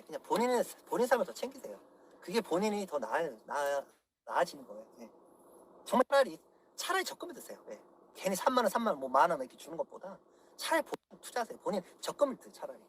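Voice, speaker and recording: A man's voice: high-pitched, a little hiss or hum. A man in his thirties on a livestream, swearing angrily and lecturing his viewers, keeps asking "예?". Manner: profane, angry, keeps asking "예?". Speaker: political YouTuber. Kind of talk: livestream rant.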